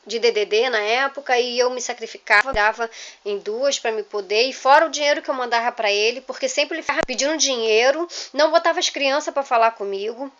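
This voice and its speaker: A woman's voice: fairly high pitch, brisk, fairly bright tone. Rambling emotional Rio woman, lo-fi. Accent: Rio de Janeiro Portuguese. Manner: emotional, rambling with restarts and frequent "entendeu?". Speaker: vlogger telling her life story. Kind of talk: casual personal storytelling.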